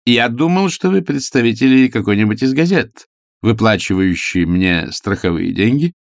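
A man's voice: mid-range voice, lively intonation, moderate pace, gravelly, no room sound, clean studio sound. A man voicing a pompous young male invalid who speaks in a stiff, formal manner. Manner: formal, stilted, condescending.

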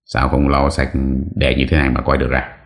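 Irritable older hotel boss, curt and demanding, very deep voice, by a male reader, audiobook. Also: measured pace.

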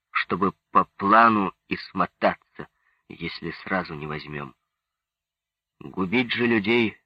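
A restrained Soviet commander speaks low and quietly, as a male reader gives him voice. His tone is slow and husky, level and unhurried. The audiobook recording is dull and dry. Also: no echo, heavily acted. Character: grim Soviet male commander, calm, self-reproaching.

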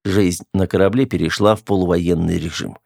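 A man reading an audiobook in measured scripted narration. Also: low-pitched, fairly even intonation, gravelly, darkish tone, no room sound, clean studio sound.

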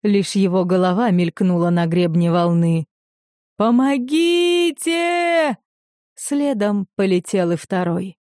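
A woman narrating a fantasy audiobook in a scripted, expressive reading style, lifting her voice when characters cry out. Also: lowish voice, normal speed, hardly any pauses, no echo, studio quality.

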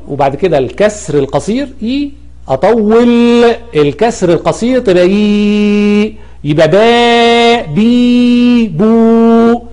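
A man's voice: high-pitched, darkish tone. A man with an Egyptian accent teaching an Arabic grammar lesson, explaining patiently and drawing out sounds to demonstrate pronunciation. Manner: corrective, emphatic about common mistakes.

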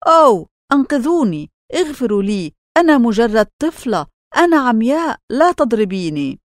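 A woman's voice: very animated, fast talker, darkish tone, dry recording, studio quality, close to an everyday voice. Nydia, a woman voicing a pleading blind slave girl. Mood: terrified. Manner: high, tearful pleading.

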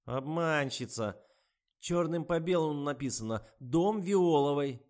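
A greedy old woman blackmailer, played by a male audiobook reader, shouts her accusations in a high, strained voice. She drags out her words and keeps pushing, loud and bullying. It is a single reader's audiobook performance. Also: lively intonation, a little slow. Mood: shrill accusing. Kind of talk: audiobook reading.

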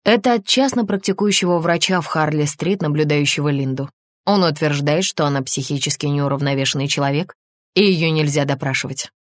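A brisk female chief inspector with a dry, wry edge, snapping out orders, as a woman narrator voices her. The voice is low and the recording close and dry. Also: no room sound, close to an everyday voice.

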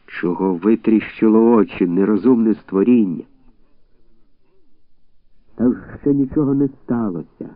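A man's voice: on the low side, dry recording, close to an everyday voice. A man voicing a drunk soldier who mocks and drawls each word, over tinny phone-like audio. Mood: mocking. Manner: mocking, drawn-out and swaggering. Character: drunk, mocking male soldier.

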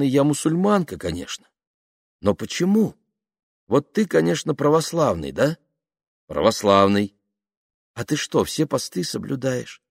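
A man reading an audiobook, voicing a playful nineteen-year-old female student who talks softly and coaxingly. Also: mid-range voice, creaky, dry recording, studio quality, voice pushed up.

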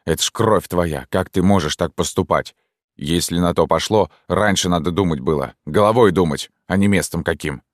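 Deep-voiced guy as a grumpy old stepdad, whiny then scolding, very low voice, dry. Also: normal speed, no room sound, lightly acted. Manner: plaintive, scolding. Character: aging stepfather, grumbling and touchy ex-officer.

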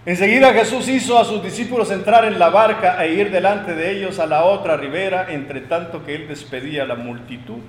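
A man preaching a sermon, emphatic, swinging between loud proclamations and quiet asides, recorded in a church hall. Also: high voice, brisk, few pauses.

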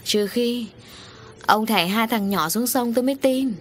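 A woman's voice: medium pitch, moderate pace, a little hiss or hum, lightly acted. A woman voicing a jealous, vicious middle-aged wife who accuses and sneers. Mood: jealous accusing.

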